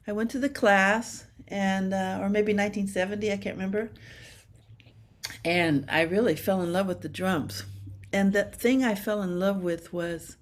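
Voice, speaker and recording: A woman in her seventies from Washington state, a percussionist guest chatting animatedly over a video call and laughing often. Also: medium pitch. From Washington state, USA. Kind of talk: casual interview chat.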